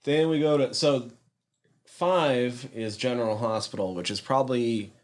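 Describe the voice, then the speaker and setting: A man's voice: mid-range voice, a little slow. A man co-hosting a podcast, chatting casually and easily with short agreeing replies. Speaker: podcast co-host. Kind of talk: casual review chat.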